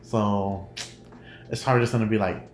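Here a podcast host with a lowish, nasal voice talks at normal speed in a steady tone on his casual solo podcast, often laughing as he rambles. Faint noise and a roomy echo color the recording.

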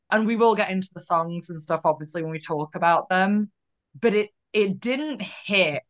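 A woman's voice: lowish voice, fairly bright tone. Conversational female podcast co-host. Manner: thoughtful, conversational, often hedging. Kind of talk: casual podcast chat.

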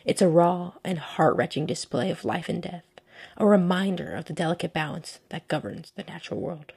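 A woman hosting a podcast in the style of a scripted nature documentary, with earnest, descriptive and measured storytelling. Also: fairly low pitch, lively intonation, gravelly, darkish tone, slightly rough. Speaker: podcast host.

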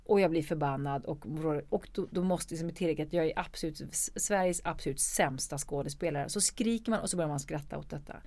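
A woman's voice: sits low, hardly any pauses, darkish tone, dry recording. A woman actor and producer talking candidly in an interview, emphatic and swearing freely.

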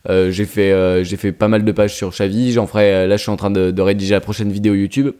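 A young man with a somewhat low voice talks casually on a podcast. He is relaxed, pauses often and fills the gaps with hesitations. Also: smooth. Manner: relaxed, hesitant, many fillers. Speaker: podcast co-host.

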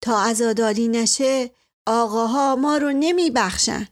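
A woman's voice: on the high side, close to an everyday voice. A woman voicing a stern, pious old village woman who speaks firmly.

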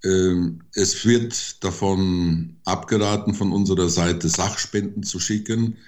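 An older man giving interview answers slowly, halting with many fillers. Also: low-pitched, steady tone, a little mellow. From Germany. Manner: slow and hesitant, many fillers. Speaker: interview guest, forester.

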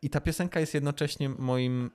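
A man's voice: on the high side, steady tone, normal speed, darkish tone, clean tone. A man co-hosting a podcast, chatting casually, explaining things and joking along. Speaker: podcast co-host. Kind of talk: casual improvised chat.

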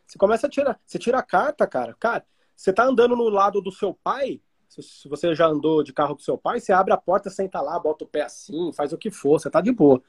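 Man, Brazilian Portuguese accent, trading teacher, casual chat, husky, lively intonation. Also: high voice, fast. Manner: animated, explains through everyday analogies.

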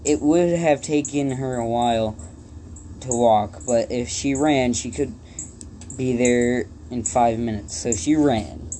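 A man improvising a story out loud, halting, with many restarts and self-corrections. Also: medium pitch, slight background noise.

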